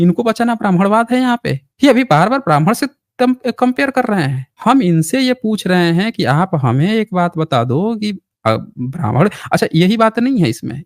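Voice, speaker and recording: A man's voice: high-pitched, dry recording, clean studio sound. Insistent man arguing in a debate. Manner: insistent, argumentative, repeats pointed questions. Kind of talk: heated live debate.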